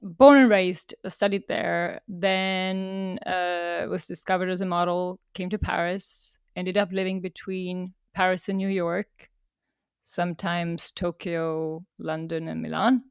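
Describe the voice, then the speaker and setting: A woman's voice: on the low side, flat delivery, slow, smooth, no echo, clean studio sound. A woman from Estonia, a podcast guest telling stories in casual talk and laughing often.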